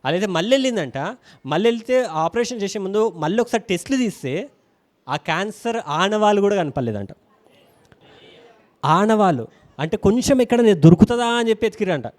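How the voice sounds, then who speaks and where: A man's voice: high-pitched, fairly quick, pauses often. A man preaching a sermon, telling stories animatedly and acting out voices. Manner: animated, acts out quoted voices. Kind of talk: sermon with personal storytelling. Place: church.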